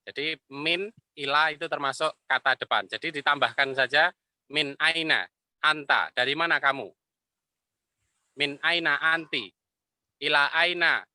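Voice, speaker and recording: Bright-voiced man teaching Arabic. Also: on the high side, dry recording. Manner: explains patiently, repeats Arabic phrases slowly. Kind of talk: online class lecture.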